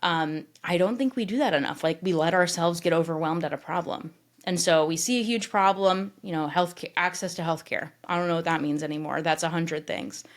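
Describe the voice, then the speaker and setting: Animated woman guest with a lower voice. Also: brisk, hardly any pauses. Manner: animated, lots of "like" fillers. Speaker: podcast guest. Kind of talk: conversational interview.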